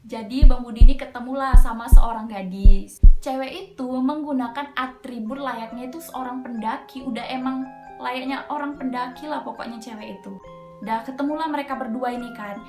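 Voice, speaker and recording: At a moderate pace, a high-voiced young woman from Medan narrates a mountain ghost story as a casual horror storyteller host. Slangy, talkative, and heavy on filler interjections, she speaks with a Medan Indonesian accent. Background music and an echoey room color the audio.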